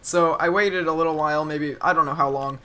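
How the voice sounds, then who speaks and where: A man's voice: a little high, fairly even intonation, fairly quick, bright, forceful tone. A young man casually telling a funny childhood story to camera in a chatty, self-deprecating way. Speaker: cubing YouTuber.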